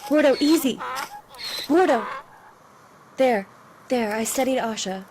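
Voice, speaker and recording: In a cinematic audio drama, a woman plays a young desert refugee, her fairly high voice slow and darkish in tone, earnest and reassuring. The character is devout and protective yet fearful, the mood calm and protective, over faint ambience and slight background noise.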